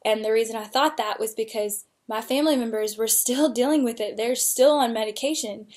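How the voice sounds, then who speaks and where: A woman's voice: a little high, fairly quick, darkish tone. A young woman telling her personal story candidly and emotionally, with frequent fillers. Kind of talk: personal testimony.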